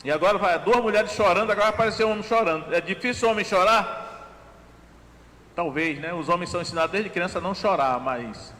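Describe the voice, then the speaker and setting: High-voiced Brazilian pastor preaching. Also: male voice, bright, forceful tone. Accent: Brazilian Portuguese. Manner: reads scripture slowly, often adds "né?". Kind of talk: sermon. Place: church sanctuary. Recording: church hall with long reverb.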